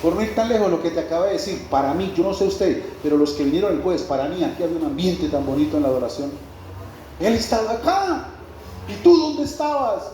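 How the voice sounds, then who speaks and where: A man's voice: a little high, very fast, hardly any pauses, mellow. Man preaching in a very echoey church. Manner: repeats phrases and fires rhetorical questions at the congregation. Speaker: pastor. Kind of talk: sermon. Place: church meeting hall. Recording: very echoey church hall, faint background noise.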